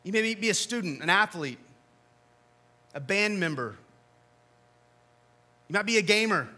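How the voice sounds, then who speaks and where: Brief: male pastor, fairly high, forceful bright tone, earnest sermon delivery with soft low drops for emphasis. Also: expressive, a little slow. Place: church sanctuary.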